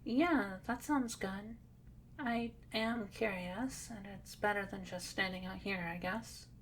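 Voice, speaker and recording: A woman's voice: mid-range voice, takes it slowly, slight background noise, close to an everyday voice. [name], a woman doing a timid cat girl. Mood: shy. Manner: hesitant, stammering, soft-spoken. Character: timid shy cat-eared young woman. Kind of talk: ASMR role-play.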